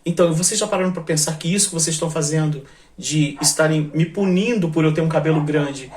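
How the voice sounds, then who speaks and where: A middle-aged man with a notably high, light voice, speaking casually and chatting as he recounts a personal story, often checking in with his listeners. The sound bounces around a roomy, echoey space. He addresses his audience warmly as friends. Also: quick pace. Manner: conversational, frequent tag questions, addresses listeners as friends. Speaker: storyteller host.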